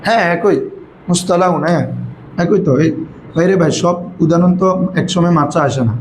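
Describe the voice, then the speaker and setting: A man teaching a classroom lesson, asking his students question after question, calling them by a fond name, and slowly reciting verses. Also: high voice, a little mellow, a little hiss or hum, rough recording. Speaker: Arabic grammar teacher.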